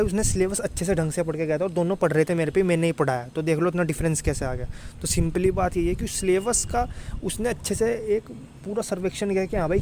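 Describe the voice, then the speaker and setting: With a high, darkish voice and a touch of hiss or hum, this young exam tutor chats casually with his students. He calls them "brother" again and again and keeps asking whether they understand.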